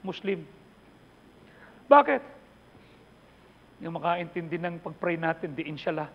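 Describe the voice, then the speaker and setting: A man's voice: fairly high pitch, flat delivery, brisk. A middle-aged man with a Filipino accent, preaching a chatty, conversational sermon with asides to the congregation. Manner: mixes Tagalog and English, chatty asides to the congregation. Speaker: pastor. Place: church hall. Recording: dull reverberant church hall recording.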